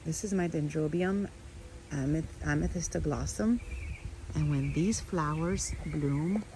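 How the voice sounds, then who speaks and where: A woman's voice: low voice, a little slow, mellow, a little hiss or hum, poor audio. A middle-aged woman giving a chatty walk-and-talk vlog in her outdoor garden, talking to viewers with restarts and asides. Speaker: orchid grower vlogger. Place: outdoor orchid garden on a windy morning.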